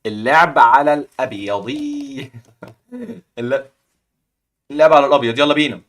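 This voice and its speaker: A young man with an Egyptian accent hosting a live chess puzzle contest, excitedly cheering the players on. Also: mid-range voice, moderate pace. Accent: Egyptian Arabic. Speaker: chess stream host.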